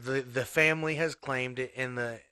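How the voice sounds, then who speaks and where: A man's voice: mid-range voice, steady tone, moderate pace. A man co-hosting a podcast, recapping a movie in loose, profane, casual talk. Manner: loose and profane, slips into loud put-on voices. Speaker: podcast co-host.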